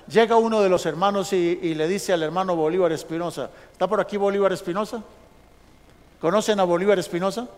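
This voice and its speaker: A male pastor telling a lively story in a sermon, acting out the dialogue of the people in it. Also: sits high. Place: large church sanctuary. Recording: long church hall reverb.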